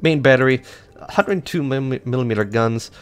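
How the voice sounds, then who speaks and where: A man running a gaming channel casually goes over ship statistics, rambling offhandedly with lots of fillers and false starts. He speaks at a normal pace in a clean, mid-range voice.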